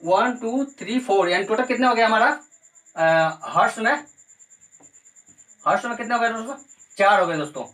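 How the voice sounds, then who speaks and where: A man's voice: sits high, expressive, moderate pace, long pauses, a bit bright, poor audio. A man with a Hindi accent teaches an exam-prep lesson and keeps coming back to the same points. He poses a question to his viewers, calls them "friends" and then answers it himself. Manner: repetitive, keeps saying "friends", asks and answers own questions.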